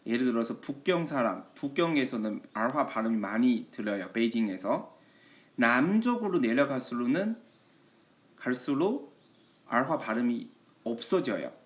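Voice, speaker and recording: A man's voice: medium pitch, sing-song. A man teaching a lesson in Korean, patiently and with frequent affirming interjections. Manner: patient, repeats "예" often, slow model readings of Chinese. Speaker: Chinese language teacher. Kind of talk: online language lesson.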